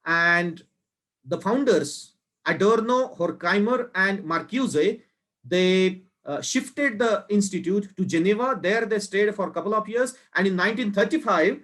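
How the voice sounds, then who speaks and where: A man from India giving an academic lecture in a slow, deliberate way, pausing between phrases. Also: high voice, animated, a bit bright.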